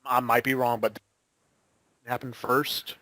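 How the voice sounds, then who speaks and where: A man's voice: mid-range voice, level tone, a little slow, pushed and bright, no echo. A man co-hosting a casual podcast chat, talking bluntly over a remote mic that keeps cutting in and out. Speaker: podcast co-host.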